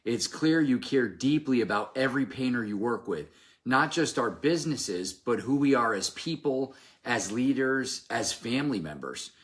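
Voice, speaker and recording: A man's voice: mid-range voice, lively intonation, moderate pace, a bit bright. Earnest man reading a polished tribute. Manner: earnest, polished, scripted-sounding. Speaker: painting business owner. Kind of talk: prepared video tribute.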